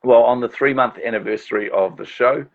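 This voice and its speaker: A man's voice: mid-range voice, brisk. A middle-aged man, a podcast host and marketing strategist, telling stories as a guest in a casual interview, enthusiastic and chatty with frequent fillers. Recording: dull lo-fi audio.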